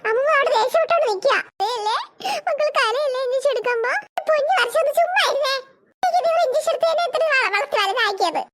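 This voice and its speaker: A woman voicing young sisters and their mother in an animated cartoon, switching between quick shouty bickering and soft cooing over babies. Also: very high voice. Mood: chatty. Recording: noisy home recording.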